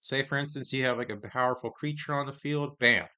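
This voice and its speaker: This man's bright, ringing, mid-range voice is turning a bit hoarse as he reviews new trading cards in a relaxed way. He reads each card's text aloud before offering his opinion, speaking haltingly with pauses and restarts.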